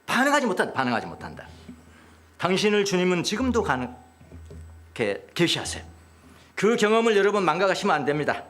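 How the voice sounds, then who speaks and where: A middle-aged male pastor preaching a sermon, emphatic and repetitive, dropping now and then to hushed asides. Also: high-pitched, sing-song, a little fast, long pauses.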